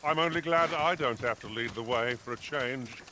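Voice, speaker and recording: Dry, wry game companion, bright, edgy voice played by a man, faint ambience. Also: medium pitch, moderate pace, slight background noise, lightly acted.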